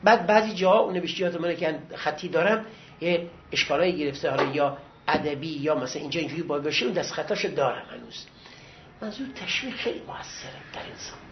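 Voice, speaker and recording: High-voiced middle-aged man teaching a class. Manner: conversational, reminiscing, encouraging. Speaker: seminary teacher. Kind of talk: lecture with personal anecdotes. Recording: dull lo-fi recording with faint hiss.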